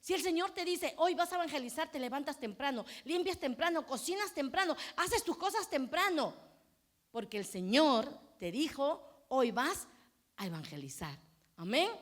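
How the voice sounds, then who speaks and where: A middle-aged woman pastor, preaching a sermon, shifting between hushed prayerful passages and loud fervent cries. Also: high voice, animated, normal speed.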